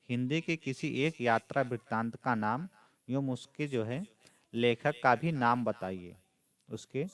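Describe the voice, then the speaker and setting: A man, a teacher going through a model exam paper, repeating points steadily with frequent fillers. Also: mid-range voice.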